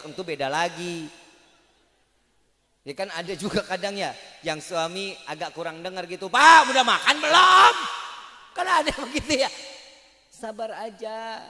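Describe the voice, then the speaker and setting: A man's voice: on the high side, a bit bright. A man preaching at a wedding celebration, teasing the audience with slangy jokes in a humorous sermon. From West Java, Indonesia. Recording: hall-like reverb at a live event.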